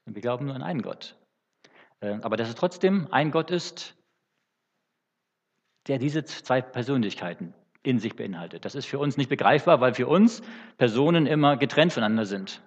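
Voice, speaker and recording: Man, preacher, husky voice, unscripted teaching sermon, frequent fillers, dull muffled recording. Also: medium pitch, lively intonation. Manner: unscripted, halting with fillers and restarts. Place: church hall. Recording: dull sound with long church reverb.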